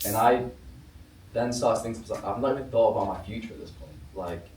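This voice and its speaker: Young British man, low voice, casual storytelling on stage, roomy room, distant mic. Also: quick pace. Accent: British English. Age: young adult. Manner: relaxed, with many fillers and restarts. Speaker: co-founder speaking to an audience. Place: event room with an audience. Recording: roomy room, mic far off, faint noise.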